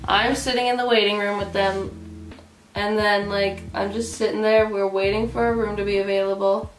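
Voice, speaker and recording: At a moderate pace and in a mid-range voice, a young woman does a casual storytime vlog while getting ready. Laughing through it and leaning heavily on "like," she gives the people in her story their own animated voices. Faint music plays in an echoey room.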